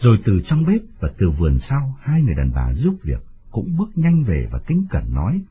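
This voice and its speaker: Expressive male storyteller, tinny audio. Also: on the low side, a little fast, husky. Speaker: narrator. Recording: tinny phone-like sound, faint music.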